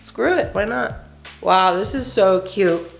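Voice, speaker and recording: With a slow pace and vocal fry, a twenty-something crochet vlogger speaks in a mid-range voice, nasal from a head cold. Soft music plays as she chats enthusiastically, with lots of fillers, from her bedroom and living room.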